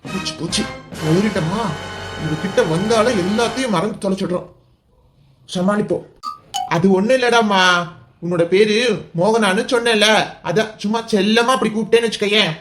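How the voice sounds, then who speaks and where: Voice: medium pitch, moderate pace, pauses often, natural voice. A performer voicing a young village man in a cartoon serial who hides who he is, muttering nervous asides and stammering. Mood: coaxing. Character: young village man hiding his identity. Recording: clear music bed under voice.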